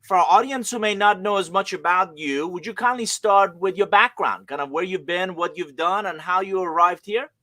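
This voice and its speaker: A middle-aged man hosting a live podcast interview, asking questions in an energetic, conversational way. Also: high-pitched, moderate pace, hardly any pauses, no room sound. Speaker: podcast host.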